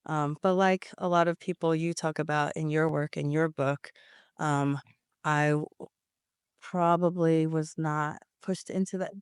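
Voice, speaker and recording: Smooth-voiced woman, thoughtful journalist guest. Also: deep voice, steady tone, unhurried, no echo, clean studio sound. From California, United States. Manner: thoughtful, many fillers. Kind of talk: casual interview.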